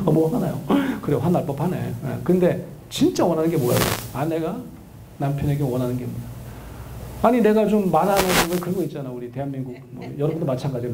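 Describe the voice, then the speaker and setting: A middle-aged man, a counseling professor, giving a lively lecture to an audience and acting out the voices of a wife and husband. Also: fairly high pitch. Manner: animated, acts out quoted voices of a wife and husband.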